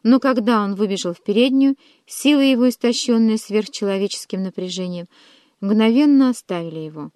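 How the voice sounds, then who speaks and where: A woman narrating a classic historical novel as an audiobook, reading in a dramatic, expressive way. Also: medium pitch, brisk, no echo, studio quality.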